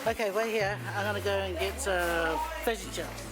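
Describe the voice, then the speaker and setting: A woman's voice: mid-range voice, moderate pace. A woman vlogger chatting casually to camera and companions in a playful, teasing, chatty way. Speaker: vlogger hosting a food outing. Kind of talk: casual vlog chat. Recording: loud music behind a casual vlog recording. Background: loud music.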